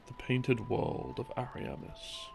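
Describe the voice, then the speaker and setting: Very animated yet taking his time, a man with a low-leaning, gravelly voice plays a boyfriend explaining game lore. The audio creator rambles in a casual, intimate way with wry, hesitant asides, and soft game theme music plays.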